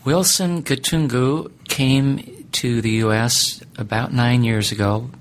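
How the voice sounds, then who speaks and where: A middle-aged man who teaches ethics, answering interview questions in a thoughtful, deliberate way with many pauses. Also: medium pitch, steady tone, a little hiss or hum.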